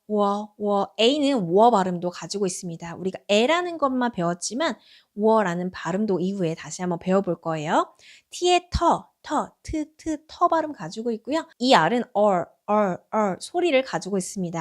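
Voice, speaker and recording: A woman teaching a phonics lesson for beginners. She stretches each letter sound slowly and repeats every word several times. Her pitch swings widely between the explanations and the drawn-out sounds. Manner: patient questions to the viewer.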